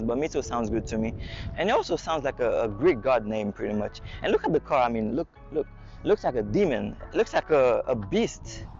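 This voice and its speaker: A man giving an excited, casual car walkaround review outdoors at a dealership, a little out of breath in the heat. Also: mid-range voice, vocal fry, highs cut off. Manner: excited, enthusiastic hype talk.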